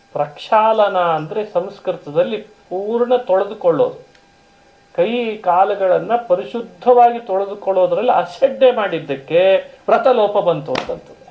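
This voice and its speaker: Speaking at a measured pace, a man with a high-set voice gives a sermon built around a story, while the recording's highs are cut off. He quotes the characters' dialogue, clarifies Sanskrit terms, and puts rhetorical questions to those listening.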